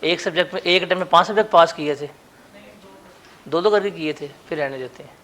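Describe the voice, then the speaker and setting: A male teacher runs his classroom in a high, bright-pitched voice. He teases and coaxes his students, quizzing them on the lesson and calling them up to the board. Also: fast. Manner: teasing, coaxing students to the board.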